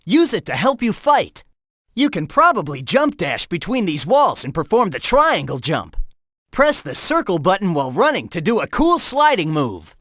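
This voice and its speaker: A cocky young hedgehog hero from a video game, breezy and upbeat as he coaches the player along. His voice swings up and down with lively pitch, recorded close on a studio mic, dry with no room sound. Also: no echo, heavily acted.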